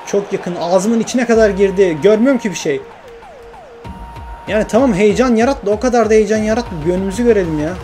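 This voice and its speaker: A man narrates his football video game career into a desk mic, cheering and complaining at every chance. His voice sits high for a man. Game music plays clearly behind him. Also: fast talker. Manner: excitable, swears and grumbles at the game, commentates his own play. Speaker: gaming YouTuber.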